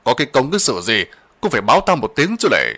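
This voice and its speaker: A man voicing an old rural master who is gruff, bossy and blustering, and who stammers in fear. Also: medium pitch, very animated, fast, sharp tone, heavily acted.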